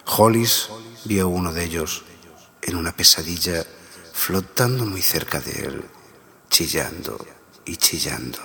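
A man narrating a story in a grave, hushed way, at times dropping to a whisper. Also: low-pitched, lively intonation, unhurried, vocal fry, pauses often. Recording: reverb-heavy with background music.

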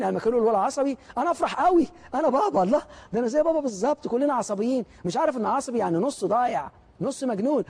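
A man gives a motivational lecture in an Egyptian Arabic accent, speaking very quickly. His voice sits high and has a husky edge. He leans on rhetorical questions and acts out other people's words to drive his points home. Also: darkish tone.

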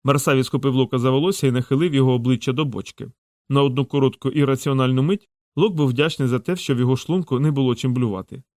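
A man reading an audiobook as narrator, in steady, measured storytelling. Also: mid-range voice, dry recording, studio quality. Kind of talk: scripted narration.

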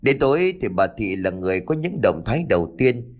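Male ghost-story narrator, low voice, lively pitch, dramatic delivery. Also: a little fast.

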